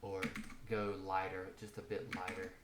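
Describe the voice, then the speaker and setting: A man's voice: low voice, monotone, normal speed. A man walking through a coding tutorial in a casual way, thinking aloud and correcting himself as he types. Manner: thinks aloud, self-correcting while typing. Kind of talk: casual screencast coding walkthrough. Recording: roomy home office, audible typing noise. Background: keyboard typing and mouse clicks.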